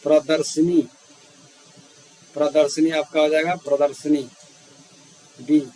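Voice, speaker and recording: A man working steadily through a grammar quiz, repeating each word before he names the right option. His voice sits a little high and stays flat in tone. A faint hiss runs under the recording. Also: slow pace, low-quality recording. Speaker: teacher. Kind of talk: spelling quiz walkthrough.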